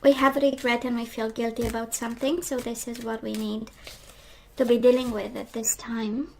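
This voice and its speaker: A woman with a voice that is going hoarse, chatting casually through a tarot card reading and often asking "right?". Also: a little high, level tone, moderate pace, a little hiss or hum, rough recording. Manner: chatty, reflective, frequent "right?" and "we do have". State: losing her voice, clearing throat. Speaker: tarot reader.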